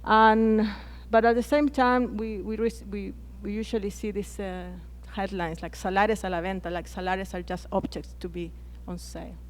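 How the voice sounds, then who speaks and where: A woman with a Chilean Spanish accent speaks English as a second language at a conference plenary. She talks in a hesitant way, often stopping and restarting her phrases, in a middle-pitched voice. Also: fairly even intonation, normal speed, hardly any pauses. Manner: hesitant, frequent restarts and fillers. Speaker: panelist. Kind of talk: conference panel talk.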